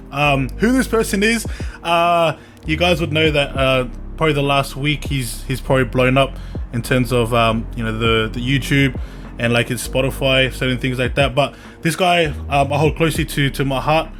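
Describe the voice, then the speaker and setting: A man hosting a podcast in casual, earnest, slangy talk, often halting and repeating words. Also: mid-range voice, fairly even intonation, a bit bright, a little hiss or hum. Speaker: podcast host. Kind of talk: casual chat.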